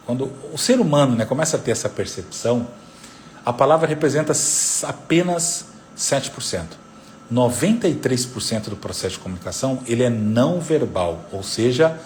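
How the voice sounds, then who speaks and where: A man's voice: medium pitch, slight background noise. A man, a psychoanalyst, giving a live talk on parenting, teaching by repeating the key figures. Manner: didactic, repeats figures, lively intonation.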